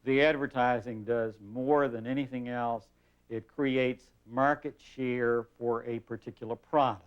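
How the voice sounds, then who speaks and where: Measured male expert guest, mid-pitched, explaining at an easy pace, through a dull worn tape copy. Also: fairly even intonation, clean tone. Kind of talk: explaining to a TV panel.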